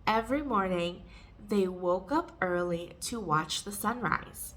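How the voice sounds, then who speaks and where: A woman English teacher reading a simple story aloud slowly and clearly, pausing for learners and explaining in a casual way. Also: mid-range voice, animated, a bit bright. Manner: slow, clear and deliberate, with pauses for repeating.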